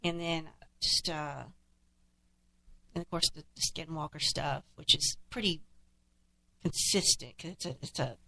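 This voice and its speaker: A woman's voice: low voice, a little slow, vocal fry, pauses often, pushed and bright, poor audio. A woman co-hosting a podcast in casual chat, rambling and trailing off while her audio cuts in and out. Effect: audio cutting in and out. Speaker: podcast co-host.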